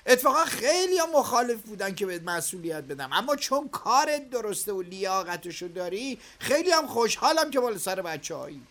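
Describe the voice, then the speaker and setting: An actor playing an irritable middle-aged male factory owner in a radio drama, who scolds his workers and quickly flares up. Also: high-pitched, big pitch swings, a bit bright, full character voice. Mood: earnest.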